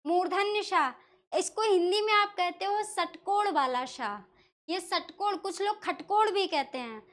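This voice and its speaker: High, bright-voiced woman teaching slowly. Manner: explains step by step, asks questions and answers them herself. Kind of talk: classroom lesson explaining Sanskrit pronunciation.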